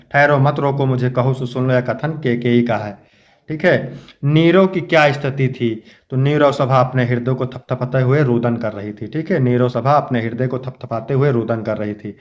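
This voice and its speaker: A man from Uttar Pradesh teaching an exam-prep lesson. He explains each line patiently, at a mid pitch, and fondly addresses his students. The sound is a little dull and lo-fi. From Uttar Pradesh, India.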